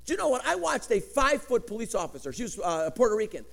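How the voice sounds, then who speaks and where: A middle-aged pastor from Chicago, whose first language was Greek, preaches a lively sermon with swinging inflections and joking asides. He has a very high, gravelly voice and talks fast.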